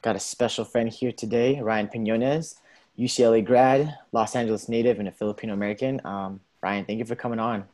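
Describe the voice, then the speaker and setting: A man's voice: lowish voice, fairly even intonation, a little fast, darkish tone. A man hosting a video podcast, introducing his guest in a casual, friendly way. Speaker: podcast host. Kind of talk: casual interview.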